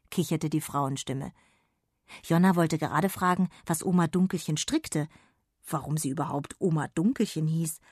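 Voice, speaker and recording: Husky-voiced woman reading a children's story. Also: lowish voice, dry recording, clean studio sound. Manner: calm, gentle, expressive. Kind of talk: children's bedtime story narration.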